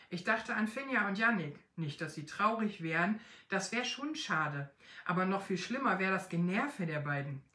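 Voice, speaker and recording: A woman hosting a live stream, reading a Christmas story aloud in a lively, expressive way, recorded on a phone. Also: medium pitch, roomy sound. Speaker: host of a craft shop live stream. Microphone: phone, filmed upright.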